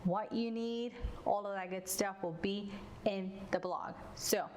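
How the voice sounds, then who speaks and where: A woman from Cuba hosting a home cooking tutorial, chatting warmly to viewers as she cooks in her kitchen. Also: medium pitch, steady tone, measured pace, a little hiss or hum. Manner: friendly, chatty, addresses viewers directly. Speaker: cooking channel host. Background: sizzling frying food.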